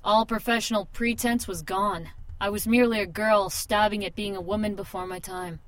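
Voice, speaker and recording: Voicing a jittery young female tattoo artist for radio, a woman moves between confiding first-person narration and hesitant, informal dialogue, with a wry, self-conscious mood. Her medium-pitched delivery is fairly even, moderately paced, and close to how she'd normally talk.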